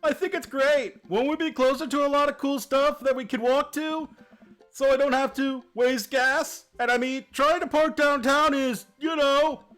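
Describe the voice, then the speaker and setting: This game playthrough has a man voicing a sarcastic high school senior girl who needles her father with deadpan one-liners. He speaks at a moderate pace, with soft music playing in the background.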